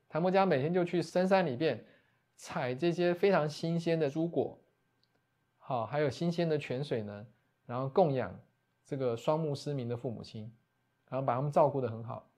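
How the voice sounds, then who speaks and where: A man, a Buddhist monastic teacher retelling a scripture story as a lecture, often closing phrases with soft tags. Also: fairly high pitch, lively intonation, a little fast.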